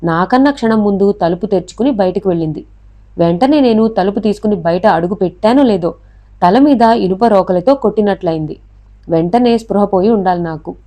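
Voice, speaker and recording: Injured hasty young man, read by a woman narrator, warm mellow voice, plain delivery. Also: medium pitch, a little fast, natural voice. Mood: recounting.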